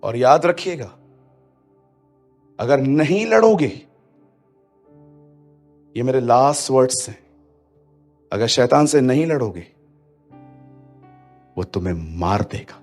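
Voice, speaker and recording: A man preaching a fiery, exhorting sermon, shifting between quiet warnings and loud calls to rise up. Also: mid-range voice, expressive, slow pace, pauses often, faint music behind. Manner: fiery, exhorting, mixes English into Hindi. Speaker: pastor.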